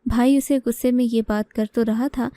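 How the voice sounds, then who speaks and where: Brief: woman narrator for a moral storybook reading, earnest, slightly high pitch, warm mellow voice. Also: fairly even intonation, no room sound. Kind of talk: first-person story narration.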